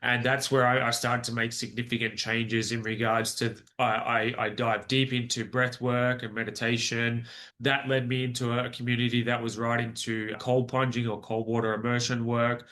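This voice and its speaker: This Australian-accented man in his forties, a guest on a podcast, shares his personal story in an earnest, rambling way full of restarts. He speaks at normal speed in a mid-range, level tone that sounds pushed and bright.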